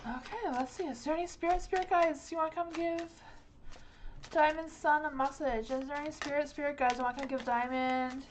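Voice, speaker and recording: A young woman reads tarot cards on a live stream. Her voice sits a little high, and she talks in a loose, rambling way, full of likes and ums. A faint hiss runs under the recording. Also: fairly even intonation, brisk. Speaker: tarot reader.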